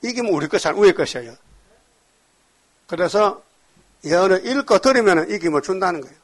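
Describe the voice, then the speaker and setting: High-voiced emphatic Korean preacher man. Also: animated, fast talker. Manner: call-and-response, rhetorical questions to the congregation; emphatic, swings between loud exhortation and quiet asides. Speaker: pastor. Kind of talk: sermon.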